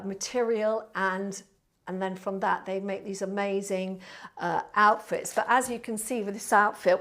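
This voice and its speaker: A woman with a southern English accent chatting casually to viewers as a Pilates instructor, in a warm, friendly, chatty manner. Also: mid-range voice. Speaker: Pilates instructor and online class host. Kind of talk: casual livestream chat to viewers. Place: indoor studio.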